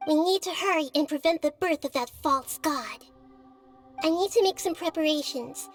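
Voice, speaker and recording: A woman voicing a young girl goddess who is gentle, wise and calm, speaking softly and thoughtfully in a game. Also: high-pitched, faint music behind, lightly acted. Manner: soft, thoughtful, measured.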